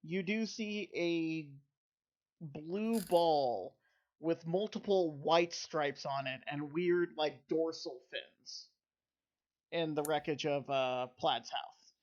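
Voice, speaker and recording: A man running a tabletop role-playing game as game master, thinking aloud in an unhurried way. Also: on the high side, lo-fi sound.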